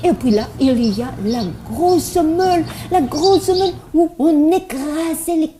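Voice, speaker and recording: A woman voices a cheerful, eager child puppet telling children a Bible story, stuttering heavily and repeating words many times. Her voice is high-pitched, unhurried and mellow, with slight background noise.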